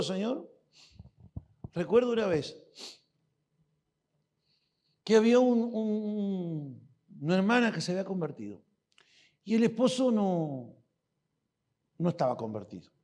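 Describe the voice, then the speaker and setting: A man's voice: high voice, darkish tone. A man preaches a sermon to his church. He talks animatedly, acting out exchanges with God and turning to the congregation with questions. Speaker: pastor.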